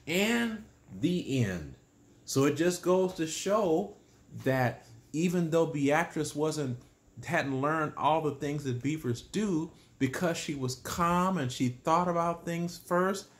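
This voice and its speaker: A man reading a bedtime story aloud and gently explaining it to children. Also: on the high side, measured pace, roomy sound. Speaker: storyteller, channel host.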